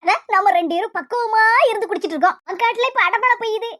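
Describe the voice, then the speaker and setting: Sly gossipy kanyakumari village mom, woman doing it, super high voice, rattles on fast. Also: sharp tone, no echo, clean studio sound. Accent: Kanyakumari Tamil. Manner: chatty, mocking, gossipy.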